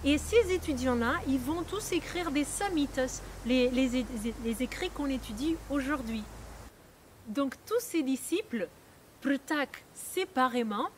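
High-voiced woman teacher with a non-native accent. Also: a little hiss or hum. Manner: patient explaining with frequent hesitations and restarts. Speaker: Ayurveda teacher. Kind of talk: explanatory lesson.

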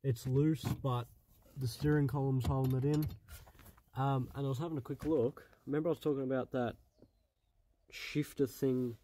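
A man's voice: medium pitch, steady tone, moderate pace, pauses often, dark tone, slight background noise. A man narrating casually while working in a cramped car footwell, muttering and swearing as he goes. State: out of breath. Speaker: car project vlogger. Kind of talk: casual work-along narration.

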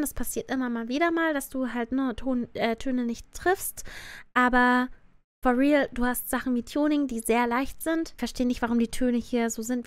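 A woman with a cute anime-streamer delivery, giving animated, opinionated livestream commentary sprinkled with English slang. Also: high-pitched, clean tone, dry recording. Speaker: VTuber streamer reviewing a cartoon song dub. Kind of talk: casual reaction commentary on a livestream.

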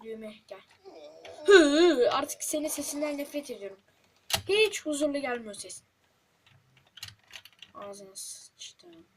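A woman's voice: sits high, animated, slow pace, pauses often. A woman hosting a let's play, talking to the game in frustration and swearing often. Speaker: gaming channel host. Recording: loud keyboard clicks and noise.

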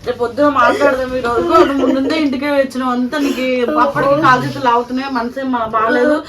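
A woman's voice: high-pitched, little pitch movement, very fast, distant mic, a loud crowd. A woman with a Telangana Telugu accent consoling a crying friend, soothing yet agitated, repeating her pleas on a home vlog.

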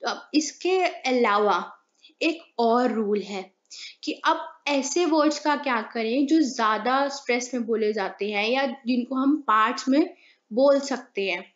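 Woman teacher, grammar lesson, slightly high voice, very slow delivery, dull lo-fi sound. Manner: explains step by step, asking and answering her own questions.

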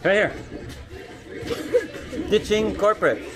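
A chatty Canadian travel vlogger walks outdoors through a busy village neighborhood, talking with locals in simple, broken phrases. His voice is high and lively but slow, captured on an action camera held or worn on his body amid crowd and street noise.

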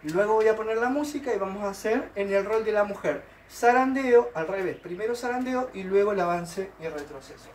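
A man's voice: high-pitched, a little fast, few pauses, darkish tone, distant mic, a little hiss or hum. A man with an Argentine accent teaching folk dance, explaining each step and checking that students follow. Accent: Argentine Spanish. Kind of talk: online dance lesson. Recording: roomy, from off the mic. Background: folk guitar music.

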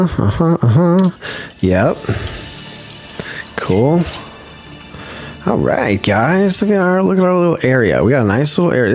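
With a mid-range voice, a man hosts a gaming channel and gives chatty, playful let's-play commentary. He talks in a slangy, easygoing way and hums to himself as he plays.

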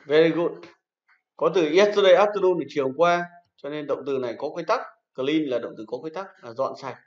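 A man's voice: on the high side, fairly quick. Patient male teacher in an echoey classroom. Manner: patient, repeats rules and praises pupils. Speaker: English teacher. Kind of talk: classroom lesson. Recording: echoey room, dull lo-fi sound.

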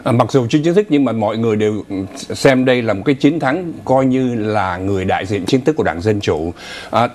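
A man's voice: fairly low pitch, a little fast, few pauses, a little mellow. A middle-aged man hosting a studio news talk show, speaking with many fillers and hesitations.

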